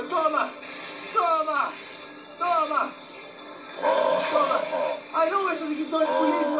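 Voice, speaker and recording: A man with a Brazilian Portuguese accent narrates his gameplay in a high, bright-sounding register, shouting and exclaiming constantly. Loud game music plays behind him throughout. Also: poor audio. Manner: excitable, frequent shouts and exclamations. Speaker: gameplay commentator. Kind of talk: excitable let's-play commentary.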